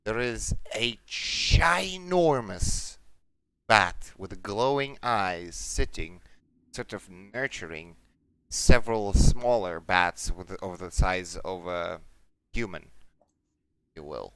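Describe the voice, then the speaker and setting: Man, game master, slow deliberate narration, smooth clear voice, dry close sound. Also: sits low, sharp tone, no echo.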